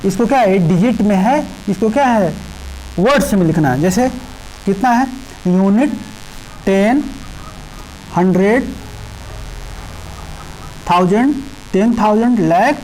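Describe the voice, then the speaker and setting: A woman teaching a primary school math lesson, explaining place values slowly and repeatedly checking in with the children. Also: medium pitch, lively intonation, dark tone, a little hiss or hum, poor audio. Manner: slow, repetitive explaining with frequent "ठीक है" checks. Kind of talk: class 5 math lesson in Hindi with English number words.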